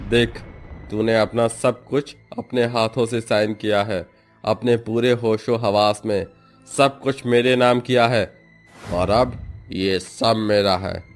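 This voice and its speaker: A man's voice: lowish voice, natural voice. A man voicing a taunting villainous manager. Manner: mocking, taunting laughter. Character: scheming male office manager, gloating villain.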